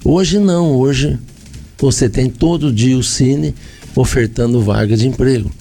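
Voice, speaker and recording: A man's voice: medium pitch, unhurried, vocal fry, warm tone, soft background music. A man with a Brazilian accent, a mayor answering in a radio interview, explaining and listing points with repeated phrases.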